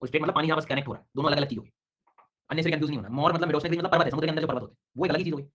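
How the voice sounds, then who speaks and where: A man runs an online geography class, talking very fast and calling on students by name. His comes through as he explains and questions them. The recording is dull and lo-fi. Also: a little high, a bit bright. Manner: brisk, quizzing students by name. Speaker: teacher.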